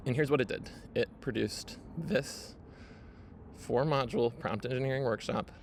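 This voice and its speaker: Speaking at normal speed with a medium-pitched, creaky voice, a man hosts his own casual screen-share walkthrough. He uses plenty of fillers and "right?" tags, and there's a slight hiss or hum.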